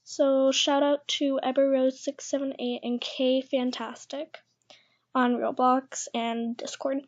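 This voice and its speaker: Soft-spoken high young woman with a lisp. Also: level tone, slow pace. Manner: awkward, hesitant, speaking quietly to keep her voice down. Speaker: channel host. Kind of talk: casual vlog chat. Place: echoey house, indoors. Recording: dull lo-fi home recording.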